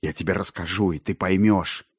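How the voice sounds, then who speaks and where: A wild-eyed, rambling male collector, his voice climbing high and getting loud as he pleads and nearly shouts, performed by a man reading a story. The sound is dry and close. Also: steady tone, moderate pace, slightly rough, dry recording. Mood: feverish. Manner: feverish, pleading, rising to near shouts.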